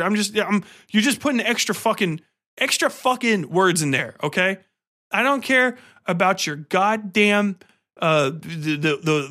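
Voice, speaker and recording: This podcast host has an American accent and a high, bright voice with a forceful tone. His talk is a casual comedic rant, full of slang and free swearing, conversational and emphatic in its exasperation.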